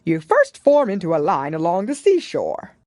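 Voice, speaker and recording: An excitable, boisterous mythical beast from a storybook, played by a woman. It speaks loudly and emphatically, with pitch leaping about. The sound is dry. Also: normal speed, no room sound. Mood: emphatic. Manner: loud, emphatic, exclaiming. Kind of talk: children's storybook character voice.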